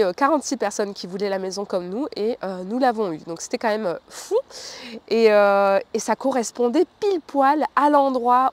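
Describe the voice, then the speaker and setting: Woman from France, 30s, relaxed chatty vlogger telling a personal story, often hesitant, speaks softly at times. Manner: chatty, many fillers, lowers her voice at times. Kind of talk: casual storytelling to camera.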